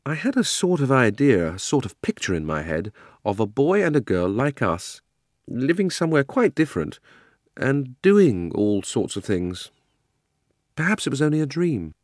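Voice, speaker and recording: Polly, a man doing a high-voiced young girl. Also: big pitch swings, darkish tone, no room sound, studio quality, lightly acted. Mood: wondering. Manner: quick, insistent, corrects the boy. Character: dreamy, sharp-tongued young girl. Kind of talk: storybook reading.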